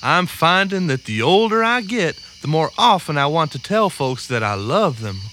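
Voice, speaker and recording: An actor playing a gentle, loving father saying good night to his children in a radio drama. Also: mid-range voice, very animated, moderate pace, a little hiss or hum. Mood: tender. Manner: soft, tender.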